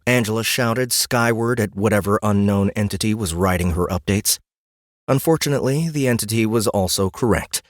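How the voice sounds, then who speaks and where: In a low voice, a man narrates a fantasy audiobook as scripted storytelling. He was recorded close on a studio mic, and the sound is very dry.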